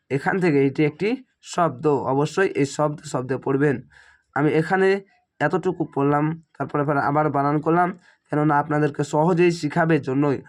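Teaching Quran reading in a fairly high-pitched voice, a man with a slightly strained throat sounds out Arabic syllables one by one and lengthens the recited words.

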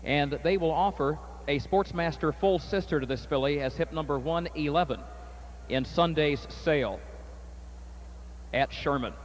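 A man announcing a harness race at an outdoor track, calling the field in a brisk, formal way. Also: a little high. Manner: rapid rising race call, steady formal post parade. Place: outdoor racetrack. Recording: faint outdoor noise.

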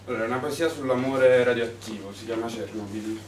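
A young man reading his own poem aloud at a poetry evening, in a quiet, measured voice. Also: mid-range voice, recorded from a distance. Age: young adult. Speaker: young poet. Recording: echoey room from afar with background noise.

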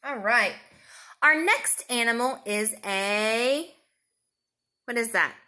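A woman with a bright, high voice speaks as a preschool teacher would to a toddler. Her delivery is slow and sing-song, with simple questions and pauses left for the child to answer. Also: animated. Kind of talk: children's counting lesson, as if to a toddler.

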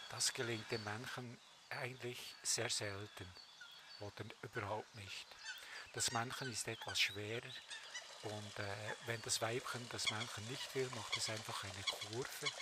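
A man's voice: mid-range voice, heavy background noise. A man giving unscripted nature documentary commentary, explaining things in short, simple phrases. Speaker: narrator. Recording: music behind the voice. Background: music.

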